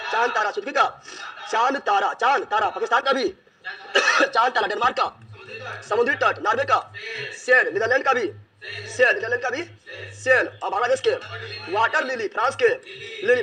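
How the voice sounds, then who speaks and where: A man's voice: sits high, pushed and bright. A man teaching an exam-prep lesson, asking questions and answering them himself, repeating each answer as a drill.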